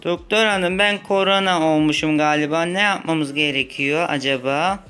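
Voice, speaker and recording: A man's voice: fairly high pitch, moderate pace, sharp tone, clean tone, soft background music. A male gaming host in a playful role-play, playing a whiny, complaining patient with mock drama.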